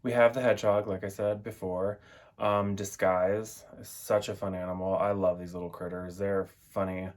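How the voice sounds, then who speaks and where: A man's voice: sits low, flat delivery, moderate pace. A young man chatting casually and rambling, with a lot of filler words. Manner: rambling, filler-heavy, with frequent "like" and "um". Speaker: vlogger reviewing an oracle deck. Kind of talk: casual chat.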